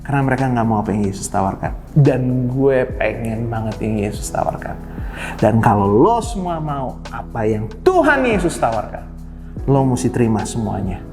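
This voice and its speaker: A man's voice: mid-range voice, big pitch swings, moderate pace. A male pastor giving a casual online sermon, slangy and playful, dropping in English phrases. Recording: long reverb with faint music.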